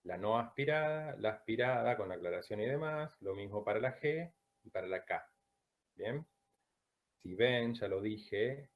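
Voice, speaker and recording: Man, from Latin America, language teacher, lowish voice, slow deliberate drilling, checks in after each point. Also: phone-quality sound. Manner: drills sounds slowly and deliberately. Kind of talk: online class lecture.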